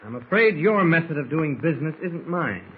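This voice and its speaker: An actor playing an unflinching government agent hero in an old radio serial, speaking with firm, clipped defiance. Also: male voice, a little high, very animated, fairly quick. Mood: defiant. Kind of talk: 1940s radio serial acting. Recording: muffled, hissy old radio recording.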